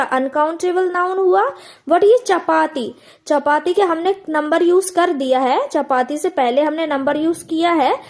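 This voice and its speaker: A woman with a very high-pitched, darkish voice teaches an English grammar lesson, asking the listener questions and answering them herself while repeating key words. She slows down to stretch out her example phrases.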